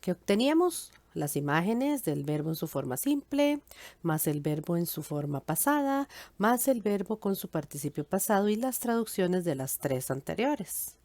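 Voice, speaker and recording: A woman's voice: lowish voice, big pitch swings, warm tone, no room sound. Patient woman teaching English grammar. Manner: patient, explains step by step, repeats examples slowly; switches between Spanish and English, speaking English slowly. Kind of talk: recorded grammar lesson.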